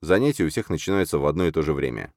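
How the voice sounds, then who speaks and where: A man reads a first-person audiobook in a sardonic, brash and crude manner. His voice sits very low. The recording is close and dry, with no trace of room echo. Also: expressive, rapid-fire, darkish tone. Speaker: audiobook narrator.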